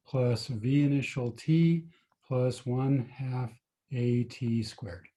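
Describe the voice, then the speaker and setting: A man's voice: medium pitch, warm tone. A man tutoring physics over a video call, patiently explaining each step and asking his students questions. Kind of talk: online tutoring lesson.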